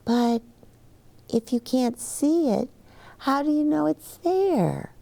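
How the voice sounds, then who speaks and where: Woman voicing a high-pitched, curious little child. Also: lively intonation, takes it slowly, vocal fry, warm tone, heavily acted. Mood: curious, wondering. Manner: questioning, earnest, childlike. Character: curious, anxious young twin children, boy and girl.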